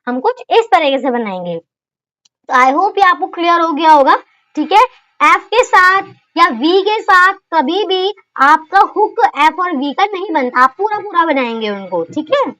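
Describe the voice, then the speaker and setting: Very high-voiced woman teaching shorthand. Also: very animated, a little slow, sharp tone, no echo, poor audio. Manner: keeps asking "okay?" and answering her own questions; mixes English terms into her Hindi. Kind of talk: step-by-step classroom explanation.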